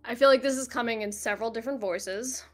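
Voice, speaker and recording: A woman voicing a small, shaken feathered young woman who speaks in halting, hushed scraps of words. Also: fairly high pitch, soft background music, lightly acted. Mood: hesitant.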